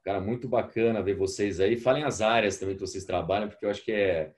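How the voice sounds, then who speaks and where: A young adult man with a Brazilian Portuguese accent hosts a live online masterclass, chatting and reading out audience messages. His voice is on the low side and darkish in tone, and he talks fast.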